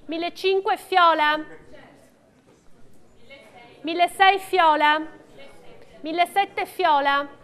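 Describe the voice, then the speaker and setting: A woman's voice: very high voice, fairly bright tone. A middle-aged woman working as an auctioneer, calling bids in short, repeated phrases of prices and names. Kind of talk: auction bidding calls.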